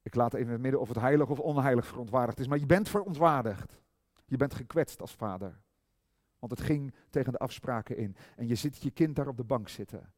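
A middle-aged male preacher giving a sermon, swinging from loud emphasis to hushed tenderness and drawing out key words slowly. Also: mid-range voice, dry recording, studio quality. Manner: slow, drawn-out stress on key words.

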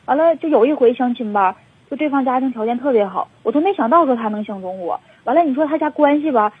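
A woman's voice: high voice, lively intonation, fast, husky. A young woman in her twenties with a Northeastern Mandarin accent, calling in over the phone and rambling through her story with many fillers. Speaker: caller. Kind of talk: phone-in confession. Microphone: telephone. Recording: tinny dry phone line.

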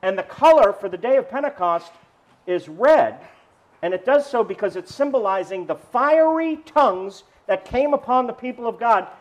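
Lively, high-voiced preaching man. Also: moderate pace. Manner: animated storytelling preacher, asks the congregation questions. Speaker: pastor. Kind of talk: sermon. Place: outdoors with congregation.

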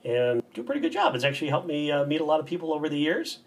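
A man's voice: a little high, big pitch swings, rapid-fire. A middle-aged man chatting easily as a podcast guest, joking and laughing along. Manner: easygoing, laughs along, playful. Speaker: podcast guest, bike tour operator. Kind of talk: casual podcast chat.

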